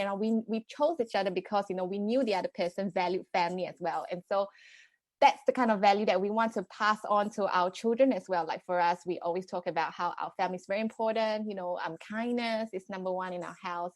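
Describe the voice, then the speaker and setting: This podcast guest, a parenting coach from Singapore in her thirties, talks quickly in a medium-pitched, somewhat dark voice. She is earnest and fills her speech with fillers and restarts during the conversational interview. No room sound is audible.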